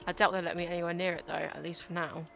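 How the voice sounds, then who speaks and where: A woman voicing a grieving young woman police detective, reading her inner monologue aloud in a low, halting way over game music. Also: little pitch movement, creaky. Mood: somber.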